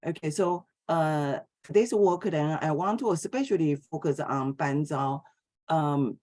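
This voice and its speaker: Her voice sits low and slightly mellow as this middle-aged Taiwanese woman lectures on philosophy in an academic setting, unsure in delivery, pausing and using filler sounds often.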